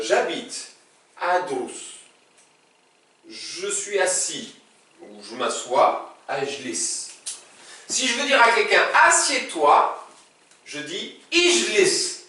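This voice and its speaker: Slow, animated male teacher in echoey room. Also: a little high. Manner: patient, checks understanding often. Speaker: Arabic teacher. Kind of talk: classroom lesson. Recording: very echoey room, distant mic.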